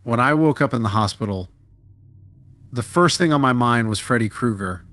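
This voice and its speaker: A man giving a steady, dramatic scripted narration of a true-style horror story. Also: mid-range voice, moderate pace, very noisy.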